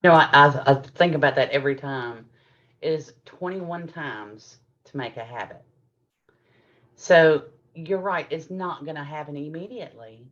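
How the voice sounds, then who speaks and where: A woman's voice: low voice, measured pace, muffled recording. A middle-aged woman presenting a parenting workshop, explaining with patient examples and acting out what adults and children say. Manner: warm explanatory, acts out adult and child lines.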